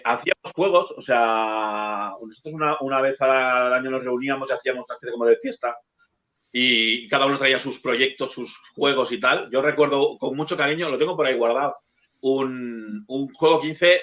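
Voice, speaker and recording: Lively storyteller on a tinny line. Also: male voice, medium pitch, a little fast. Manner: lively storyteller, swears casually. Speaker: bookseller and guest. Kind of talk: casual anecdote telling.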